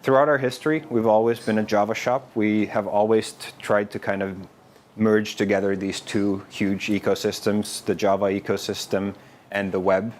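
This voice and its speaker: A developer advocate from Finland, a man with a lower-pitched voice, gives a meetup talk in a relaxed, informal way, dropping plenty of "uh"s and restarting often. He keeps a moderate pace while a faint room hum plays behind him.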